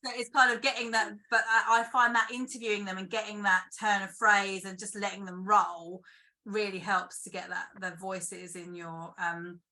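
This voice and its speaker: A woman's voice: mid-range voice, flat delivery, normal speed, pushed and bright. A British woman screenwriter chatting casually in an interview over a video call, thinking aloud with lots of fillers. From United Kingdom. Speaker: guest screenwriter.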